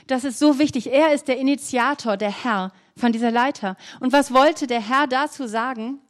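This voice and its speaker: A woman preaching a sermon, earnest, asking her listeners questions and reading scripture slowly with emphasis. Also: fairly high pitch.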